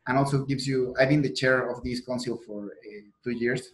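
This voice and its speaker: With a steady tone and medium pitch at normal speed, a young male guest speaks on a video call from an indoor room, where the poor audio carries slight hiss or hum. He's a PhD student from Mexico, a native Spanish speaker whose Mexican accent shows. Earnest in his interview answers, he often stops to restart and leans on fillers.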